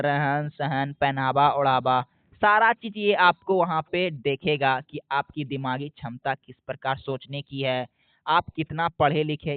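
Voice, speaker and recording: High-voiced man teaching on a tinny line. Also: clear, resonant tone, dry recording. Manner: asks a question, then answers it himself; repeats key points slowly. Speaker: exam prep teacher. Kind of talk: explanatory lesson. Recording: dry, phone-like narrow sound.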